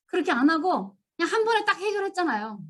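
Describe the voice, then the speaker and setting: A woman giving a church seminar lecture, telling stories and acting out scolding lines in an animated way. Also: very high-pitched, fast talker. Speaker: seminar speaker.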